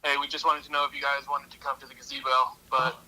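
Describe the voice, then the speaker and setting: A man's voice: mid-range voice, monotone, fast talker, sharp tone, poor audio. A man calling in, heard over a phone on speakerphone, talking casually in an offhand way. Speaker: caller. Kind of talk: casual chat.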